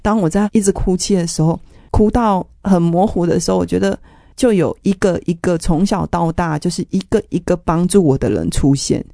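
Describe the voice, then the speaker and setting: This woman's voice is fairly low, dark, mellow and gravelly as she tells her faith testimony to an interviewer. Strong emotion underlies her earnest account of family conflict. The sound is close and dry.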